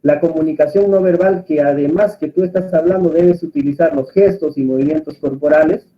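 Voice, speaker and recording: A man lectures to a class, his voice pitched a little above the usual. He keeps turning to his students with questions, in an even, teaching manner. The sound is muffled and lo-fi. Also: brisk. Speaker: course instructor. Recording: muffled, lo-fi audio.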